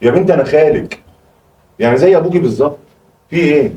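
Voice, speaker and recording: Rapid-talking Egyptian man, flustered father. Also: a little high, animated, mellow, recorded from a distance, muffled recording. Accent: Egyptian Arabic. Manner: fast-talking, flustered and placating. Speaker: father in a family comedy sketch. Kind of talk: comic home sketch acting.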